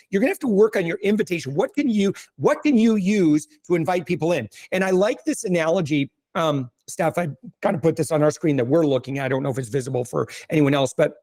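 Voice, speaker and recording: A man speaking as a podcast guest, giving energetic, coaching business advice with quick asides and restarts. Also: high-pitched, dry recording. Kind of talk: casual podcast conversation.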